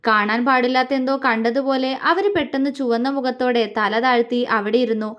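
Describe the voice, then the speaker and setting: Woman reading a love story out loud, high voice, calm even storybook pace. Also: a little fast. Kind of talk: scripted narration of a romance audio series.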